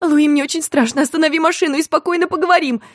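A woman voicing a frightened young woman who pleads in a high, shrill, tearful voice in an audiobook story. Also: fast talker, dry recording, clean studio sound, natural voice. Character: frightened young woman begging a driver to stop.

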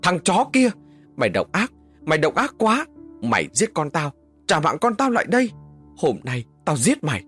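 A man's voice: fairly high pitch, wildly swooping pitch, normal speed, fairly bright tone, faint music behind, pitched above the performer's own voice. A man voicing a grieving, furious village mother who wails and shrieks threats. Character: grieving enraged village mother, middle-aged woman.

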